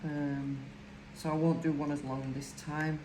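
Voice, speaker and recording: Her voice sits low, moves little in pitch, and stays unhurried. She is an older Lancashire crafting vlogger with a broad local accent, rambling informally with plenty of fillers as she works indoors at home, where the room echoes and a faint hiss runs underneath.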